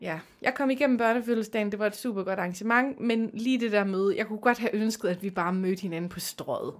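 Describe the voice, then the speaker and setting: A woman co-hosting a podcast, telling stories lively with acted-out quotes in a casual chat. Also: mid-range voice. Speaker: podcast co-host.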